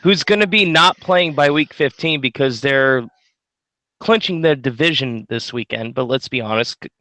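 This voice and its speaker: A man's voice: medium pitch, normal speed, sharp tone, no echo, rough recording. A man in a heated, casual fantasy football argument, interrupting and swearing freely. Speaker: fantasy league player.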